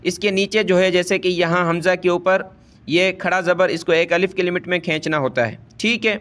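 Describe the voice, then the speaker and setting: High smooth-voiced man teaching recitation. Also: steady tone, a bit bright. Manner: explains fast, then recites slowly and drawn out. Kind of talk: step-by-step recitation lesson.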